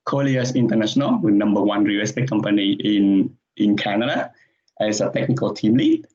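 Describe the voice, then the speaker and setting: A man from Vietnam with a Vietnamese accent, giving an online technical presentation, with frequent pauses and restarts. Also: deep voice. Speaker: conference presenter. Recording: dull, muffled sound.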